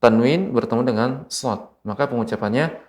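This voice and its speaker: A man from Indonesia teaching Quran recitation rules on television, speaking slowly and patiently and repeating each example word. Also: medium pitch, a little mellow. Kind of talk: televised tajwid lesson. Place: TV studio.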